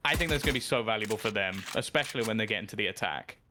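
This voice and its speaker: A man's voice: fairly low pitch, racing, background noise. A man casting an esports match, breaking down team picks and calling plays, voice rising during big moments. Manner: analytical, rises sharply in excitement during plays. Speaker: esports caster. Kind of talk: esports commentary.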